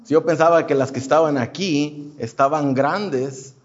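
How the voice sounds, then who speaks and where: This Houston man in his thirties gives a church testimony about his faith, speaking casually with hesitation, fillers and frequent restarts. His voice is fairly high and a little slow, captured on dull-sounding audio.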